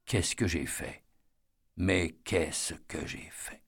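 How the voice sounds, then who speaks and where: A man playing an older, haunted war veteran who speaks slowly, precisely and softly, in an audiobook reading. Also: lowish voice, animated, no room sound, studio quality, heavily acted. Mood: anguished. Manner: slow, precise, softly spoken.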